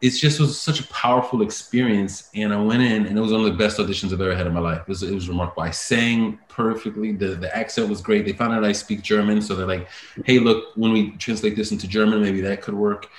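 A man, a voice-over artist and actor, telling stories as a guest in a casual interview, lively and laughing often, full of fillers and restarts. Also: on the low side, quick pace, reverberant, a little hiss or hum.

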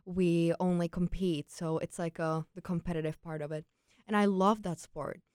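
In a dry studio recording, a young Czech woman speaks in a lowish, steady, slightly mellow and smooth voice at a moderate pace. Raised in Prague and a former exchange student, she's an interview guest telling personal stories casually, with a Czech accent, frequent "like," and quoted thoughts.

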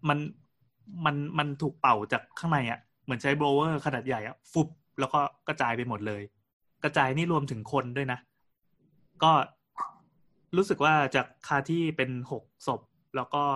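A man co-hosting a casual podcast chat, relating events in a loose storytelling way. He keeps stopping and restarting his sentences and fills gaps with small sounds. His pitch sits in a middle range for a man. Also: moderate pace, sharp tone. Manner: storytelling with frequent restarts and fillers. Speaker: podcast co-host.

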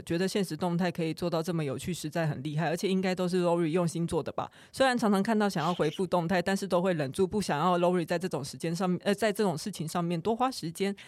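A woman's voice: on the low side, dry recording, clean studio sound. A woman with a Taiwanese accent co-hosting a casual podcast, talking through a face mask that slightly muffles her voice. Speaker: podcast co-host.

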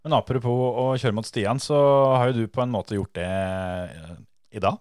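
A man's voice: lowish voice, dry recording, studio quality. A man hosting a podcast, leading the talk with easygoing questions. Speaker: podcast host. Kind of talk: casual podcast chat.

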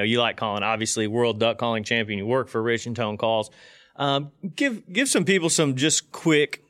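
Male host for a conversational interview show: crisp, medium-pitched, informal delivery, very dry recording. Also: fairly bright tone, no room sound. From Indiana.

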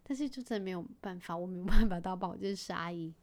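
Young woman, solo podcast host, chatty and animated storytelling that drops soft and breaks into laughter. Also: lowish voice, fairly quick.

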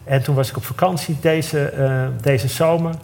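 A man on a theatre stage telling a personal story in an emotional, halting way, often breaking off and starting again. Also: fairly high pitch, steady tone, a little mellow. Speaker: guest storyteller. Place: theatre stage before a live audience.

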